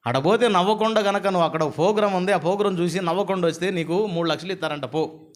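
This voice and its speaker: A man's voice: high-pitched, fast, pitched above the performer's own voice, close to an everyday voice. A man, voicing a blunt village doctor who fires off brusque, joking questions. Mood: teasing.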